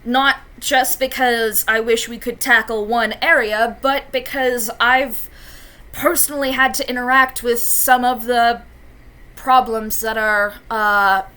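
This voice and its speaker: A woman's voice: a little high, steady tone, slow pace, bright, forceful tone. Woman playing a rambling old cartoon grandparent. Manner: long-winded, folksy storytelling.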